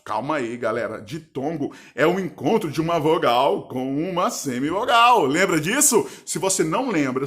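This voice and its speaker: In a grammar lesson, a male teacher with a voice that's a little high and fairly bright in tone speaks didactically. He pauses regularly to ask whether viewers are following, slowing down and drawing out words when he divides them into syllables.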